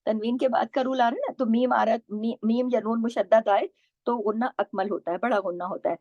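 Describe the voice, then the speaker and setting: A woman teacher explaining recitation rules, modelling each word aloud between quick explanations. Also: fairly high pitch, steady tone, darkish tone, no room sound, muffled recording.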